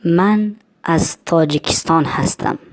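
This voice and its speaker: Low-voiced woman with a Tajik accent. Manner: repeats words slowly, then glosses them. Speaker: lesson host and translator. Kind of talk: explaining vocabulary in a language lesson.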